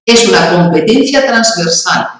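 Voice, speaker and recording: A woman's voice: on the low side, animated, unhurried, heavy reverb, distant mic, rough recording. A woman with an Andalusian accent, from Andalusia, speaking as a communication and public speaking trainer in an interview, emphatic and didactic, using examples and rhetorical questions. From Andalusia, Spain. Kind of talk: explanatory interview talk.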